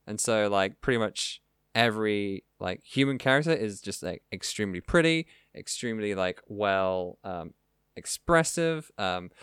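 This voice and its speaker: A male podcast host talking casually, rambling enthusiastically and piling up fillers. His smooth voice swings up and down in pitch. The sound is close and dry. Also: expressive, measured pace, a bit bright, no room sound. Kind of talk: casual chat.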